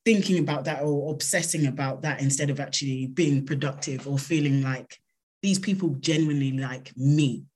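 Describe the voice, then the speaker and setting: A woman's voice: low-pitched, normal speed, a little mellow, husky. Woman with an unsoftened South London accent. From South London, England. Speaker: interview guest, consultant. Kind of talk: conversational interview answers.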